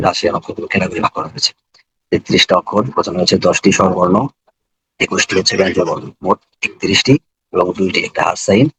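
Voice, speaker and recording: A deep, husky male teacher from Bangladesh explains a language course book at a quick clip. He breaks each letter and word into small repeated steps. The recording is very dry and close. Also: fairly bright tone, dry recording, poor audio. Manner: explains letter by letter, repetitive and step by step.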